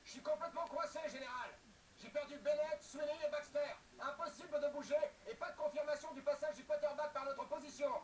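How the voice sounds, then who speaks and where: A man's voice: very high voice, fairly even intonation, a little fast. A male actor playing urgent, stern military men in clipped, commanding video game radio dialogue. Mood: tense, urgent. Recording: distant, echoey, noisy game playback.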